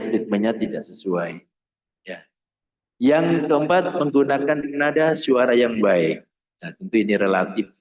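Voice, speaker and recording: A man's voice: on the low side, a little mellow. A male Quran recitation teacher giving a classroom lesson on Arabic pronunciation. He drills syllables in sung chants and explains them in a plain speaking voice. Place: school classroom. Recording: roomy, muffled room recording.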